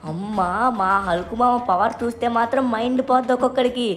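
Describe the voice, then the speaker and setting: Woman playing a high rapid-fire cheeky little boy, faint music behind. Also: close to an everyday voice. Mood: chatty. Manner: chattering, excited. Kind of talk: fan dub of game footage.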